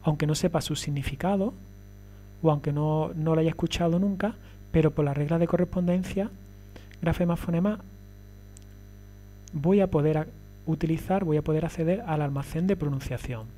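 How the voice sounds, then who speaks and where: A man's voice: a little high, normal speed, long pauses, dark tone. A man giving a recorded lecture, explaining step by step and often checking that listeners follow.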